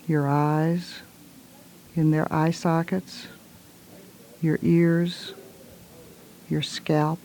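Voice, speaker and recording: A woman leads a guided relaxation in a soft, hushed voice, giving gentle, soothing instructions in short phrases. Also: low-pitched, level tone, extremely slow, pauses often, low-quality recording.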